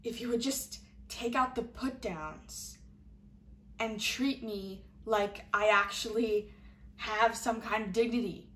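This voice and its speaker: Casting: hurt, fed-up young woman played by an actress, dramatic monologue, halting sarcasm, unhurried, roomy recording. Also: fairly high pitch, a bit bright. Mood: indignant, fed up. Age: young adult. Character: hurt, indignant young woman confronting someone who belittles her. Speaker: actor performing a monologue. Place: small indoor room before a curtain. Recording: echoey room, faint background hiss.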